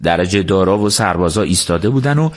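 A man narrating a book on the radio in a calm, measured storytelling manner. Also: sits low. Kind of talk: scripted narration.

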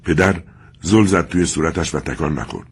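Very deep-voiced male storyteller. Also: slightly rough. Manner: steady, measured reading. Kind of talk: scripted narration of a story.

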